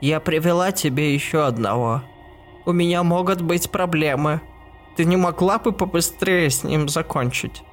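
A man's voice: fairly high pitch, moderate pace, soft background music, pitched above the performer's own voice, close to an everyday voice. A man voicing an elderly landlady with a crackly, aged voice, fussy and fearful. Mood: frantic pleading. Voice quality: crackly old voice.

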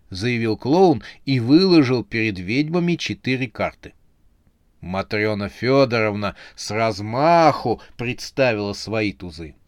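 A man's voice: on the low side, dry recording. Man narrating a comic storybook, dry sound. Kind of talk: scripted narration of a comic horror novel.

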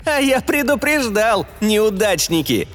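A man's voice: sits high, big pitch swings, unhurried, voice pushed up. A man voicing a cynical, nasty spaceship artificial intelligence in an audiobook, with a gloating, cawing delivery. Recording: long reverb, music behind.

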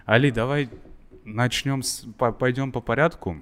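A man's voice: mid-range voice, fairly even intonation, moderate pace, a bit bright. A man co-hosting a podcast, asking his guest questions in a loose, chatty way. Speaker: podcast co-host. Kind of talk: casual interview questions.

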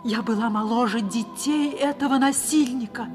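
A woman's voice: on the high side, moderate pace, lightly acted. An actress as an anguished woman, old radio drama. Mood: bitter. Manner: dramatic, impassioned, theatrical storytelling. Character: anguished, defiant woman recounting her forced marriage at fifteen. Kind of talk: 1960s Soviet radio drama acting, old radio show. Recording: old 1960s radio recording with music. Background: music.

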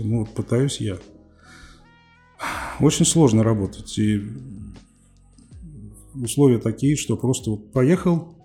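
A man in his forties with a dark, mid-range voice, a TV journalist appearing as a guest on a podcast. He speaks candidly in interview-style talk, with a defiant and wry edge.

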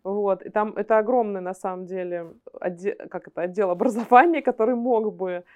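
A woman from an animation studio, appearing as an interview guest, explains things conversationally and often rephrases herself mid-sentence. Her mid-range voice is fairly quick and a little mellow, and the sound is lo-fi.

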